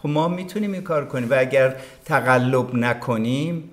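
A man, a veteran broadcaster, talking as a podcast guest in casual conversation, emphatic and opinionated, often acting out what others said. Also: mid-range voice. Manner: emphatic, opinionated, acts out quoted speech.

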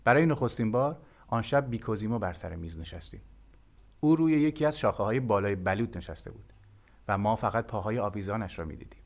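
A man reading a translated novel aloud as an audiobook narrator, calm and measured. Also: on the low side, gravelly.

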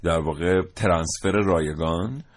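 A man co-hosting a studio discussion, talking in an emphatic, lecturing way. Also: low-pitched. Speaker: co-host.

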